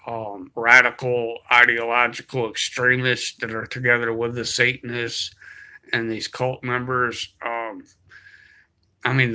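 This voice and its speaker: A man talking to camera at home, halting, with many fillers and restarts. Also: mid-range voice, sharp tone, rough recording. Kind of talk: casual monologue to camera. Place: indoors at home, beside a window.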